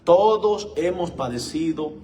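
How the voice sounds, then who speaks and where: A man preaching a live-streamed sermon, slow and emphatic, his voice swelling as he reads scripture and repeatedly addressing listeners as brothers and friends. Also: fairly high pitch, expressive, warm tone, slight background noise. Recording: echoey room, mic far off.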